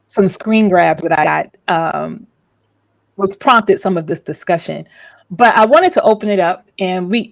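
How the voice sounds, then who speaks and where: Casual woman livestream host, lowish voice, dry close sound, loose and conversational. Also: no echo. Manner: conversational, many fillers and restarts.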